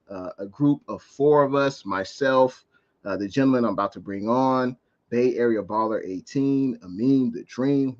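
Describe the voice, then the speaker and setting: A man's voice: fairly low pitch, lo-fi sound. An American man hosting a live sports call-in show, explaining and commenting in a casual, conversational way.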